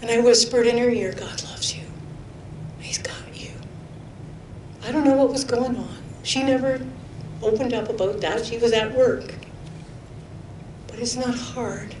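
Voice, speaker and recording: A middle-aged woman, preaching a sermon full of personal testimony in an earnest, chatty way. She laughs often and drops to a near-whisper for emphasis. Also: darkish tone. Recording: roomy hall echo with faint rumble.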